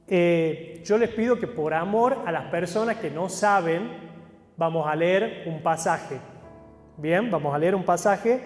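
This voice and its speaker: A man preaching, his voice sitting high for a man. He walks his listeners through a passage like a patient teacher, stopping to ask them questions. The sound carries a long echo of a large hall, with soft music underneath. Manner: teacherly, explains step by step with questions to the congregation. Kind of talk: sermon with Bible reading. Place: church hall. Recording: echoey hall with faint music.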